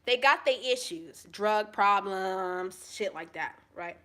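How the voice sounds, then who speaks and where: A woman venting to camera in a profane monologue, angry and repetitive, swinging between shouting and low, subdued talk. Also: takes it slowly. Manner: angry, profane ranting with repeated phrases. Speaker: vlogger.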